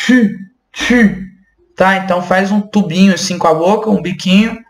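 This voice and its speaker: A woman teaching French pronunciation online, patiently repeating words slowly and explaining them casually. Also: medium pitch, fairly even intonation, roomy sound. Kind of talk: online language lesson.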